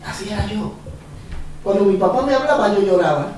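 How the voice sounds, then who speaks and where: A male pastor preaching a sermon, animated and repetitive, chuckling as he speaks. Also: sits high, fairly quick, slight background noise. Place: church hall. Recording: echoey church from far off.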